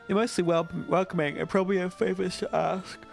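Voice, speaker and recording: A man reading aloud the lines of a helpful town guide in a game, brisk and explanatory. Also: high voice, fairly even intonation, vocal fry, faint music behind, voice pushed up.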